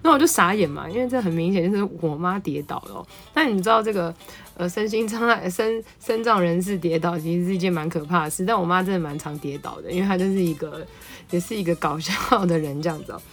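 A woman psychologist, telling a family story and reading a picture book aloud in a lively, laughing way. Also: lowish voice, fast talker, soft background music. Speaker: psychologist podcast host.

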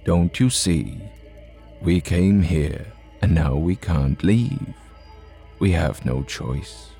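A man voicing an eerily calm, secretive male traveling companion who speaks low, hushed and measured.

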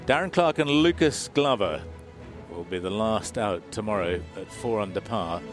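A man's voice: fairly low pitch, expressive, normal speed. A man giving live televised golf commentary as a broadcast commentator. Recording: music and crowd behind voice.

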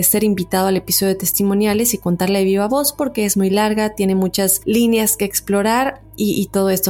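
Mellow-voiced woman hosting a podcast. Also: medium pitch. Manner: chatty, warm-hearted, with fillers. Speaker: podcast host. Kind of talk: casual podcast talk.

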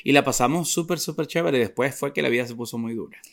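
A man's voice: medium pitch, fast, gravelly, a bit bright. A man from Puerto Rico, a podcast guest, chatting in an easygoing way and chuckling along. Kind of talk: casual chat.

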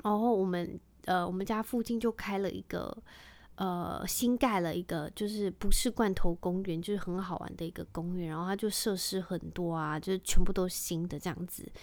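A woman, a mother telling stories to her vlog audience in a lively, chatty way and mixing in English phrases. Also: lowish voice, a little fast. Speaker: vlogger and mother. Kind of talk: casual chatty monologue.

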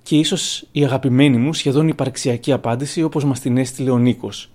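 A man's voice: medium pitch, steady tone, a little mellow. A man hosting his own show, reading listener anecdotes in scripted narration and lifting his voice for the children's quotes. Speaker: columnist host.

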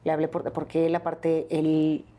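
A middle-aged woman with a Mexican accent, an interview guest telling a personal story in a lively way and often pausing on "este". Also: low-pitched, a little hiss or hum. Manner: animated storyteller, acts out quoted dialogue, frequent "este" fillers.

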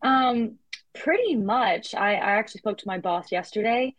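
A woman's voice: medium pitch, animated, normal speed, no echo, poor audio. A woman in her twenties, a guest in a casual interview, talking chattily with frequent restarts and fillers. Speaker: guest athlete.

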